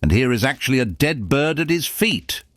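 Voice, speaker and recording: A man's voice: medium pitch, very animated, moderate pace, a bit bright, no room sound, voice pushed up. A man voicing a pompous, self-important town mayor in a storybook, in exclamatory phrases. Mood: officious.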